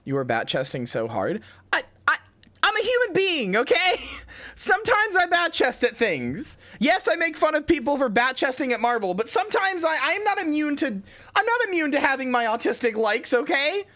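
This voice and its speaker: A streamer with a cute anime streamer manner, doing animated live commentary and swooping theatrically into high-pitched mock indignation. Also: normal speed.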